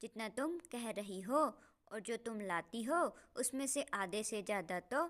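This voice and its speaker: A woman voicing a lazy, sharp-tongued young female bird in a cartoon. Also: a little high, lively intonation, unhurried. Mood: sulky.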